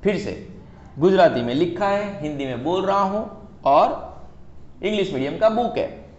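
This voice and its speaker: A man's voice: high voice, animated, measured pace. A male economics tutor giving a playful classroom lecture, joking and teasing an imagined student and mixing English terms into his talk. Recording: echoey, dull lo-fi room.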